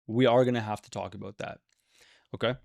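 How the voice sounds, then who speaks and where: A man's voice: on the low side, steady tone, brisk, vocal fry, a little mellow, no room sound. Guy ranting about a game to camera, keeps hammering words, dry close sound. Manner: emphatic, repeats words for stress, says okay often. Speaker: gaming video creator. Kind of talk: opinionated commentary to camera.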